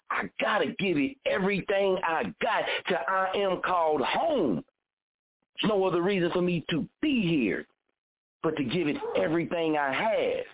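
A man in his thirties hosting a radio show, giving a blunt, fired-up motivational talk full of repetition and cursing. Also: fairly high pitch. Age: 30s. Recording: phone-like narrow audio.

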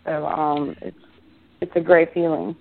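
A woman's voice: low-pitched, flat delivery, measured pace, vocal fry. A woman from Israel, a musician being interviewed, talking casually and rambling with many restarts and fillers. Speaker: musician guest. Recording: tinny phone line.

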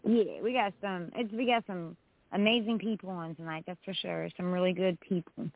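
A woman's voice: fairly low pitch, moderate pace, creaky. A woman co-hosting a casual group voice chat, effusive and encouraging, with slangy talk peppered with "man" and "dude". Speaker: co-host of a music show. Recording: narrow-band, dry online voice chat.

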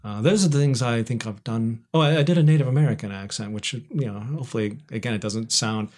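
A man's voice: mid-range voice, fast talker, a little mellow. A middle-aged man talking about his stage acting as a guest on a radio show, chatty and laughing often. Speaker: radio guest, community theater actor. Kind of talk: casual radio chat. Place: radio studio.

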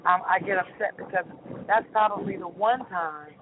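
Calling in by phone from a train, a female singer joins as a guest for a casual chat, sounding chatty and effusive. Her lowish voice at normal speed comes through on speakerphone over a tinny phone line with faint noise.

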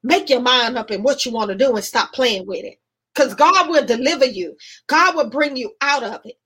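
A woman gives an emotional personal testimony. She tells it in an animated way, acting out what each person said along the way. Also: sits high, normal speed, breathy edge. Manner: animated storytelling, acting out both sides of conversations. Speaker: guest sharing testimony.

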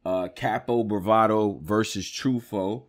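A man's voice: fairly low pitch, a little slow. A man hosting a casual talk show, commenting in slang and repeating phrases for emphasis. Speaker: host of a battle rap talk show.

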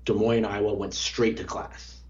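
A young man with a fairly low voice reflects earnestly on his running career in an easygoing interview. He tells his story with frequent restarts. The recording sounds dull and lo-fi. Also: little pitch movement, unhurried, a little mellow. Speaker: former Olympic track athlete, guest. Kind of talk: casual interview conversation.

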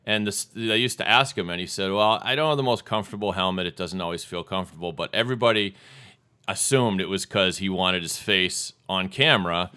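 A man's voice: low voice, fairly quick, clear, resonant tone. A man from New England telling sports memories in a casual chat, with lots of fillers and restarts. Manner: animated storyteller, hedging with fillers.

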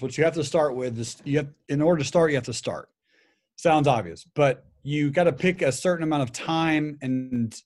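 Man, casual chat, advice-giving, steady delivery. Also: fairly high pitch. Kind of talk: casual conversation.

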